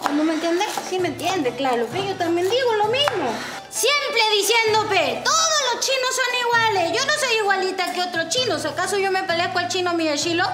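A bossy, nagging Chinese chifa owner with a Chinese accent and broken Spanish. Her voice is piercingly high and sits in a roomy sitcom set with music underneath. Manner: scolding, broken Spanish, nags and drills phrases. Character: bossy middle-aged Chinese woman running a cheap Peruvian chifa. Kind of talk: TV sitcom acting.

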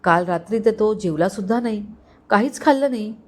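A woman's voice: mid-range voice, brisk, lightly acted. A woman voicing a kindly older male family servant who speaks tenderly and pleads with a fatherly tone. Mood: gentle.

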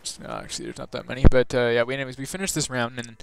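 A man's voice: medium pitch, level tone, very fast, creaky, noisy background. A teenage guy casually narrating a gameplay walkthrough, rambling loosely with lots of fillers and restarts. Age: teens. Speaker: gaming video host.

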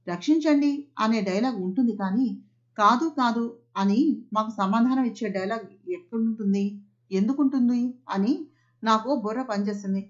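A woman voicing a quick-witted young man who teases and explains plainly. The audio is slightly muffled. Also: a little high, close to an everyday voice. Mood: explaining.

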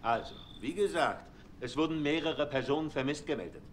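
A man playing a gruff distrustful deputy. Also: on the high side, fairly quick, slight background noise, lightly acted. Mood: stern. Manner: commanding, dismissive. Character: gruff adult male rural deputy, distrustful.

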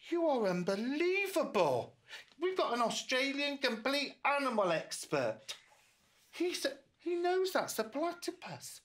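A man's voice: very high-pitched, a little slow, a little hiss or hum. Older man reading to young children, swooping expressively. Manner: reading to a toddler: animated, coaxing, with questions and asides. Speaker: storyteller reading a picture book to children. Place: small children's room indoors, seated close to young children.

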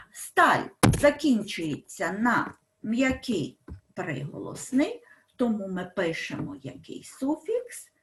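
A woman teaching a school language lesson, explaining slowly, stressing example words and asking her pupils questions. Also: on the high side, echoey room.

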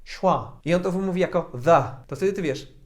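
A man with a voice pitched a little high for his sex gives a relaxed video lesson to camera. He jokes often and speaks directly to the viewer, like a teacher chatting with one student. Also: brisk. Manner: joking, addresses the viewer directly. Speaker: English-language teacher.

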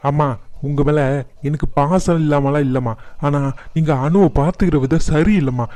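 A man's voice: a little high, normal speed, mellow, no room sound, close to an everyday voice. A man voicing a protective young husband in a cartoon, speaking earnestly and firmly. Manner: earnest, firm.

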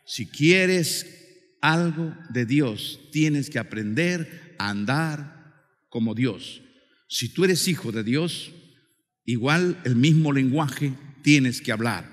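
A male preacher delivering a fervent sermon, pushing into shouted call-and-response and then dropping to low, earnest appeals. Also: expressive, slow pace. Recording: long hall reverb with faint music.

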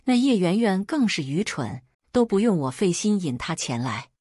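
Storyteller, woman, husky low voice, lively expressive delivery, dry sound. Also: moderate pace, dry recording. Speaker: narrator. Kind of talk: storytelling narration.

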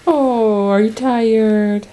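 A woman's voice: a little high, steady tone, extremely slow, dark tone. A young woman at home, using playful, coaxing baby talk with a toddler while filming on a handheld camcorder.

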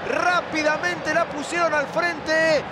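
A man doing breakneck, excited football play-by-play with drawn-out goal calls. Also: very high-pitched. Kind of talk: breakneck, shouted goal commentary. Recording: loud stadium crowd noise behind. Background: roaring stadium crowd.

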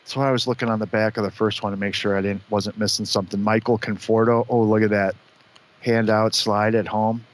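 A man's voice: lowish voice, flat delivery. A man hosting a live stream, casually chatting and naming each card as he opens packs. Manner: upbeat, names each card quickly with short reactions. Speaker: show host opening card packs. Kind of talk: casual chat, calling out cards.

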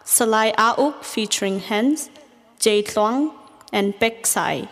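A woman announcer reading out award nominees in a slow, measured way. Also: a little high, over loud music. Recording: hall reverb with faint ambience.

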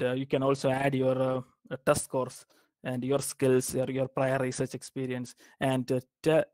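The guest speaker, a young man from Kerala, India, shares casual tips about applying to graduate school, stumbling through fillers and restarts as he goes. He has a medium-pitched voice with a darkish tone, and the recording is dry.

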